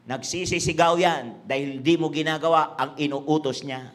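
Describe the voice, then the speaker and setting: High-voiced pastor preaching. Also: male voice, steady tone, normal speed, a bit bright. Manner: preaching in Tagalog-English mix, repetitive, teasing the congregation. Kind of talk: sermon. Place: church hall with congregation.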